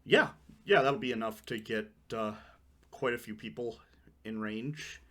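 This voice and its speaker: Bright-voiced male game master. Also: mid-range voice, measured pace. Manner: counts out distances and rulings aloud. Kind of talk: running a tabletop game.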